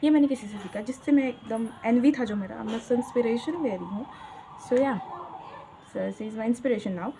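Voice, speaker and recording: A woman's voice: fairly high pitch, moderate pace, dark tone, slight background noise. A young woman from Uttarakhand chatting casually to her channel, switching between Hindi and English with dramatic asides. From Uttarakhand, India. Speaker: vlogger.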